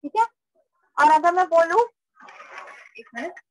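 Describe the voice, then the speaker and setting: A woman's voice: very high-pitched, a little slow, noisy background. A woman teaching a live online class, patiently repeating points and checking that students follow. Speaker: Sanskrit teacher.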